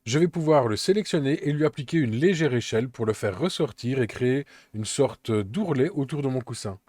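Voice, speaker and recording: A man walks through a software tutorial step by step, calm and methodical. His voice is dark and mellow, and the recording is dry and close with no room sound. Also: medium pitch, a little fast, no room sound. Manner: calm, methodical step-by-step explaining with occasional fillers. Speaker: Blender tutorial instructor.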